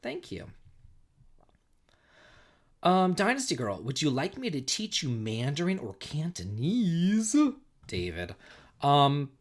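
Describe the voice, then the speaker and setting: A slightly tipsy American in his forties hosts a casual livestream, reading chat and telling stories with lots of rambling and repetition. His fairly high voice makes huge pitch swings, and he speaks slowly with long pauses.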